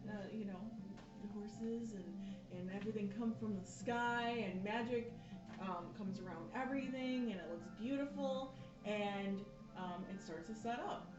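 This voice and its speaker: A woman's voice: medium pitch, moderate pace, recorded from a distance, music in the background. A woman narrating a tabletop game as game master, in a casual way with fillers. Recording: echoey room, dull lo-fi audio.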